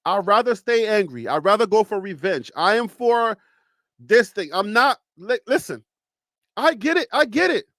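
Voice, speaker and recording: Speaking at normal speed, a man with a Liberian accent hosts a live stream and argues emphatically through rhetorical questions and teasing. The commentary is casual, and his animated voice climbs in pitch as he argues. The audio is studio quality with no echo.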